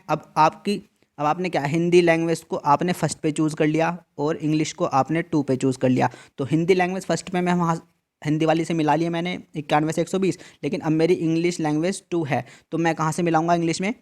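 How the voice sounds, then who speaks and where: In a screen-share tutorial, a man explains an exam answer key in a somewhat high, slightly mellow voice. His instructions are repetitive and emphatic, and he keeps checking in with frequent "theek hai"s.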